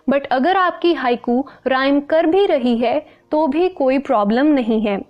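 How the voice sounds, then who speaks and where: High-voiced woman teaching a lesson. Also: darkish tone. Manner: clear, patient, mixing Hindi and English. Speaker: English teacher. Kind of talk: explaining a lesson to camera.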